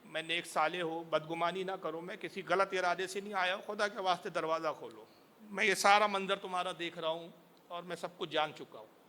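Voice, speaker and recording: A man's voice: sits high, steady tone, sharp tone. A male preacher voicing a pious male scholar who speaks earnestly and urgently. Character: pious male scholar, stern then compassionate.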